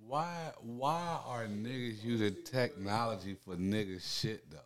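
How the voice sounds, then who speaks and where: A man's voice: fairly low pitch, measured pace. A man co-hosting a podcast in casual chat, laid-back, mostly making short reactive remarks. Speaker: podcast co-host.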